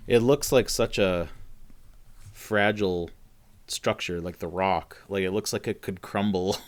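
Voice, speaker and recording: A man's voice: sits low, a little slow. A man from Michigan's Peninsula, co-hosting a casual podcast and rambling with many fillers and restarts. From Upper Peninsula of Michigan. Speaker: podcast co-host. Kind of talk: casual chat.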